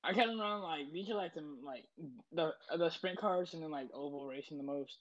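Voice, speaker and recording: A man's voice: on the high side, fairly quick. A man driver answering post-race questions hesitantly, with many fillers. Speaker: sim racing driver interviewed after a race. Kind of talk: casual post-race interview. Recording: dull lo-fi mic.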